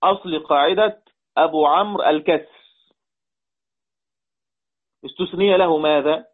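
Egyptian guy teaching quran readings, husky kinda high voice, quizzes students, tinny phone-like sound. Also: measured pace. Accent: Egyptian Arabic. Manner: repeats points and quizzes students. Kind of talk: online lesson explaining readings.

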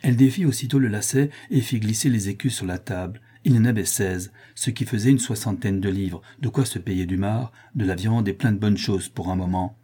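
A man reading a historical novel aloud at a measured pace, voicing every character. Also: fairly low pitch, warm tone, husky. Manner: measured, voices all the characters. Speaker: audiobook reader. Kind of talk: scripted narration.

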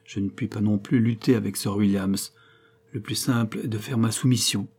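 Man playing a scared servile old crook, humble and pleading, dark husky voice, audiobook. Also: fairly low pitch, steady tone, normal speed. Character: frightened aging male ex-steward, servile and scheming.

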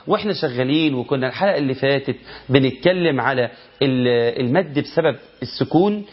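A man with an Egyptian Arabic accent teaching a tajweed lesson, asking rhetorical questions and chanting verse examples slowly. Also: medium pitch, animated, highs cut off. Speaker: Quran recitation teacher.

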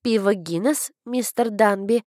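A woman reads a novel aloud in the first person, with a wry, ironic touch. Her voice sits at an ordinary middle pitch. The recording is dry and close, with no room echo. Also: a little slow, darkish tone. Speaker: audiobook narrator. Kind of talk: scripted first-person narration.

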